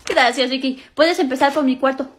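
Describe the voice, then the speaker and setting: Woman as a smug, high-voiced sister. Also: moderate pace, close to an everyday voice. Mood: bossy. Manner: bossy, sly. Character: scheming, smug young sister. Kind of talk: comedy skit.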